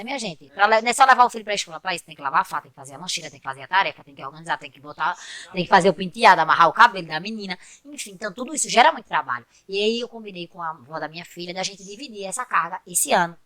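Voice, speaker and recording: A woman from Pernambuco, Brazil, appears as a podcast guest, sharing heartfelt personal stories in a casual chat and often turning to address the listeners. Her voice is lowish with a sharp tone.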